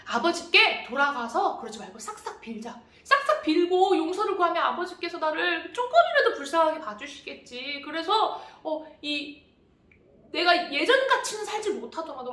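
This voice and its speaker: A woman's voice: high-pitched, pushed and bright. A woman preaching to children in a church, telling the story expressively and asking them questions. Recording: echoey church hall.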